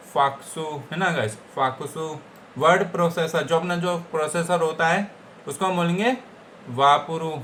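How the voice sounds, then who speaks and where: A man's voice: a little high, fairly bright tone, slight background noise. A man with an Indian accent teaching Japanese vocabulary in a casual lesson, repeating each word and checking in with his listeners. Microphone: computer setup.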